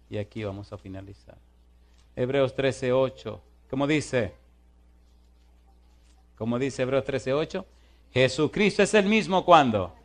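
A man preaching a lively sermon, one moment exclaiming loudly and the next dropping to soft asides. He reads scripture slowly and with weight, at an ordinary middle pitch for a man. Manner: animated, swings from loud exclamations to soft asides.

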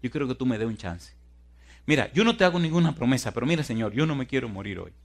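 A man's voice: mid-range voice, animated, quick pace, lightly acted. A man voicing a terrified woman survivor who pleads desperately, acted within a sermon. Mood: pleading.

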